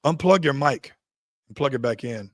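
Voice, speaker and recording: A man hosting a casual online interview in a relaxed, plain-spoken way. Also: medium pitch, normal speed, noisy background. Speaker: host.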